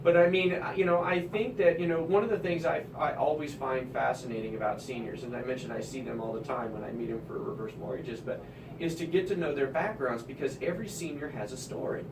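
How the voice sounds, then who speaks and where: A Kansas City man from the Midwest, a mortgage broker who hosts a radio talk show, interviews seniors in a chatty, rambling way, often restarting his sentences. His mid-range voice is a little fast, recorded from a distance in an echoey room with background noise.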